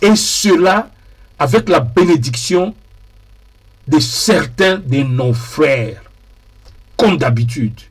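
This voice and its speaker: A man speaking in a deliberate, emphatic way and repeating key phrases for weight, as a TV political commentator. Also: on the high side, animated, slightly rough. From DR Congo.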